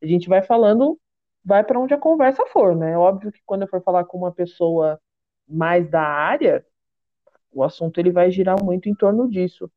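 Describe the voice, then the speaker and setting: A woman's voice: fairly low pitch, normal speed. A woman podcast host with a Brazilian Portuguese accent, chatting casually with a guest, self-deprecating and full of restarts. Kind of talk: casual chat. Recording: tinny phone-like sound.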